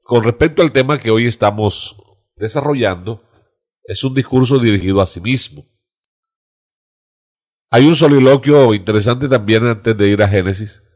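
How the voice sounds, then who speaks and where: A man's voice: medium pitch, normal speed, long pauses, darkish tone. A man discussing scripture in a reflective, devout teaching tone on a church discussion show. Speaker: pastor. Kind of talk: Bible study discussion.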